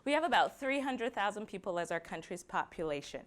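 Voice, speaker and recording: A young woman from Barbados speaks with a Barbadian accent, her voice sitting at an ordinary middle pitch. She gives a prepared personal talk in a measured way. She slows right down to lean on the words that matter. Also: sing-song.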